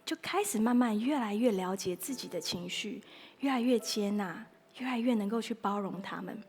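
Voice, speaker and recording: Lively woman pastor in a reverberant hall. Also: medium pitch, normal speed. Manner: lively, playful, acts out inner dialogue. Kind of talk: sermon.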